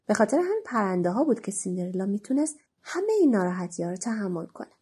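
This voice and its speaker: Husky, animated woman reading a storybook. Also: a little high. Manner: expressive, animated narration.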